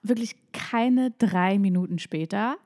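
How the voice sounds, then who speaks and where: A woman chatting casually on a podcast, telling a story in an animated way and acting out the voices of the people in it. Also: unhurried. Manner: animated storyteller, acts out voices with big pitch jumps.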